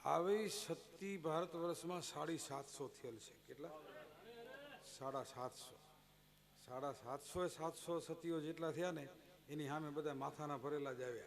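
A man's voice: a little high, steady tone, normal speed, gravelly. A man giving a devotional discourse, telling stories with recited verses and quoted voices. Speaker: devotional storyteller. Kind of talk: devotional discourse at a bhajan gathering.

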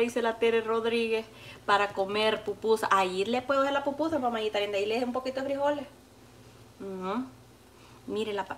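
A woman's voice: on the high side, a bit bright. A middle-aged woman with a Salvadoran accent chatting with her viewers while serving food, calling them sweet pet names. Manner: chatty, affectionate, calls viewers endearments. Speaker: cooking vlogger. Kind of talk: casual chat with live viewers. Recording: echoey room with faint noise.

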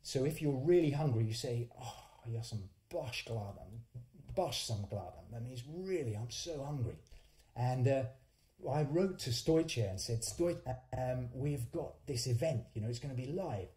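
A mellow, mid-range voice belongs to a man who is a singer-songwriter and host, speaking animatedly at a measured pace as he tells casual stories between songs. He's in a small indoor home studio with a stand-mounted condenser mic, and the livestream audio is roomy and full of echo.

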